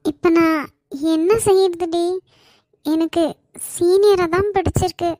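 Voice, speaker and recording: A woman's voice: very high voice, steady tone, measured pace, dark tone, no room sound. A woman voicing Hasini, a timid, troubled cartoon girl. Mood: helpless. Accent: Kanyakumari Tamil. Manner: hesitant, pleading. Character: troubled, timid young woman forced into marriage.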